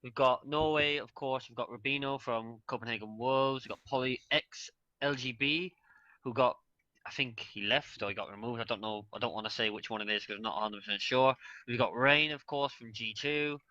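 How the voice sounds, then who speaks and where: A man co-commentates an esports match in a casual, offhand way, thinking aloud and admitting when he is unsure. His voice is bright and forceful at a middle pitch. It comes through a dull, lo-fi mic with a dry sound. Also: fairly quick, no echo. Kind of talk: live esports broadcast commentary.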